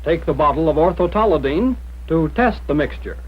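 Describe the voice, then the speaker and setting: An American man reading scripted instructions in the formal, measured manner of a 1940s military training film narrator. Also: on the high side, expressive, slightly rough. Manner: mid-century newsreel-style narrator, formal, measured instruction. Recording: dull, lo-fi 1940s film soundtrack.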